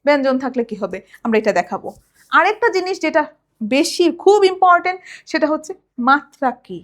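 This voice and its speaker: A woman's voice: high-pitched, expressive, brisk, a bit bright. A woman college lecturer from Bangladesh, giving a recorded lesson and explaining step by step, often asking a question and answering it herself. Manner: recites children's rhymes to show rhythm.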